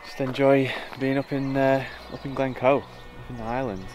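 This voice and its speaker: Faint music plays behind this man as he talks at a moderate pace in a mid-range voice. He's a travel vlogger holding the camera at arm's length, chatting easily from his campervan and the outdoors, peppering his speech with "uh" and "um."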